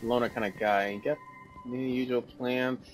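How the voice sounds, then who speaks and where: A man giving casual, goofy commentary over his gameplay, easily distracted and quick to laugh. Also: medium pitch, steady tone, music in the background, rough recording. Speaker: gameplay video host.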